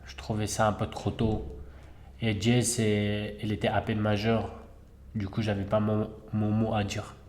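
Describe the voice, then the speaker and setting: A man's voice: on the low side, completely flat delivery, a little slow, a little mellow, natural voice. A man playing a father in his fifties, brief and plain-spoken. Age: 50s.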